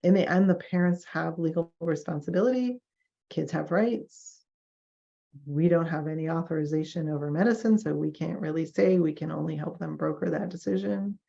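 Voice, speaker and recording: A woman's voice: sits low, normal speed, creaky, dark tone. A woman giving a lecture on professional ethics, talking in a conversational way and acting out clients and doctors in quoted asides. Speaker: therapist teaching a professional ethics session. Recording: dull lo-fi lecture recording.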